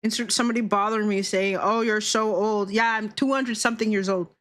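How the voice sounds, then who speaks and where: This VTuber streamer chats casually while she draws, her mid-range voice steady, brisk and fairly bright. She talks in a teasing, playful way.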